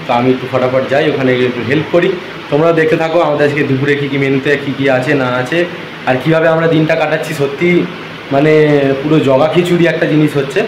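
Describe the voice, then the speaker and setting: Male travel vlogger, weary and chatty, recorded in a roomy space with steady background noise. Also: a little high, fast talker. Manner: chatty, talks straight to viewers. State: tired. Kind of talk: casual travel vlog talk. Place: hotel and beach town, indoors and out.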